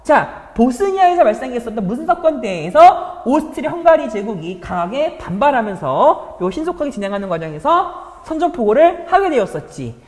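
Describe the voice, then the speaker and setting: A woman's voice: on the high side, very animated, a little fast, hardly any pauses, a little mellow, roomy sound, in a large hall. A woman teacher walking students through exam problems in a chatty lecture, often checking in with rhetorical questions. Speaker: high school history teacher.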